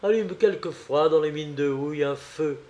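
A man reading a folk tale aloud in a measured, even way. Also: on the high side. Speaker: narrator. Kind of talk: storybook reading.

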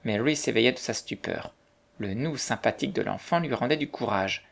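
A storybook narrator reads a novel in a measured, even way. The voice sits at a middle pitch and has a noticeable gravelly fry. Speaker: audiobook reader. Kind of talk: scripted narration.

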